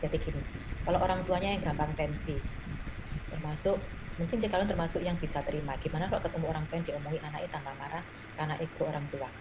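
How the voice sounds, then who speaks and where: Woman, lowish voice, noisy background. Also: fairly even intonation, quick pace. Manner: acts out quoted dialogue with children and parents. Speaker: evangelist guest speaker. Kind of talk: casual talk show conversation.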